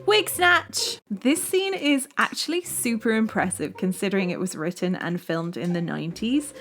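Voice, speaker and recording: A woman's voice: mid-range voice, lively intonation, normal speed, soft background music. A woman hosting a review show, narrating with wry, sarcastic humor. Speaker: host reviewing a TV series.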